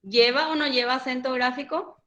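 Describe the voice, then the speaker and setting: A woman's voice: high voice, steady tone, brisk, fairly bright tone, highs cut off. A woman teacher giving a grammar lesson, patiently questioning her students. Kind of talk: online Spanish grammar lesson.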